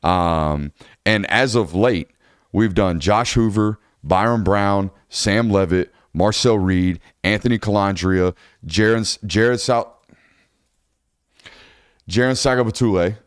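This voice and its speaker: Sports podcast guy, low smooth voice, rambly, keeps restarting his sentences. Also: slow, no echo, studio quality. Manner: loose, rambling, self-correcting. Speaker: host. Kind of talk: casual sports podcast chat.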